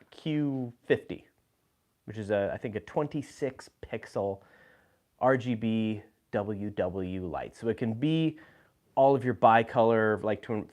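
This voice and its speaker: A man hosting a live video, talking casually about his gear, with frequent fillers and restarts. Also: fairly low pitch. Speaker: host. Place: indoor room with lights.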